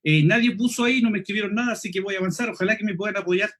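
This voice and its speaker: A high-voiced man with a Chilean Spanish accent, teaching a preaching seminar online. He talks quickly, eats his final S sounds and keeps checking in with the listeners. The voice has a husky edge. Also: fairly bright tone. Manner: quick, clipped speech, swallows final S, frequent "¿cierto?" checks. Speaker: preaching instructor.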